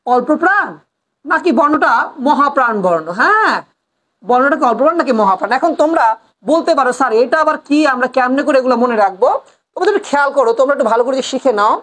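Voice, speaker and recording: Quick, high-voiced teacher with a lilt. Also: female voice. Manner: asks the students questions and answers them herself, repeats key points. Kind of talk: classroom lesson on pronunciation.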